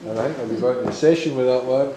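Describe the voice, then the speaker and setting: A man's voice: medium pitch, very fast. A man hosting a live gathering, introducing a performer with informal banter. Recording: echoey room, loud background noise.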